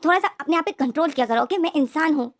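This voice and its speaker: A woman voicing a fiery young man who scolds and complains loudly. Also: sits high, lively intonation, quick pace, voice pushed up. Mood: complaining. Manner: loud complaining outbursts.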